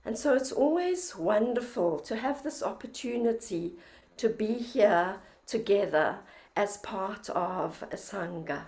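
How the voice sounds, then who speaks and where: An older woman giving a reflective dharma talk as a meditation teacher, gentle and measured, with a voice a little croaky from flu. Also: mid-range voice, animated.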